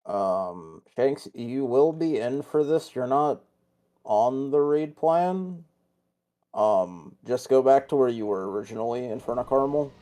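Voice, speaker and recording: Man with a mellow voice giving brisk raid calls. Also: medium pitch, animated. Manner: brisk, halting directions with fillers. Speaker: raid leader. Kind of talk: giving instructions on voice chat.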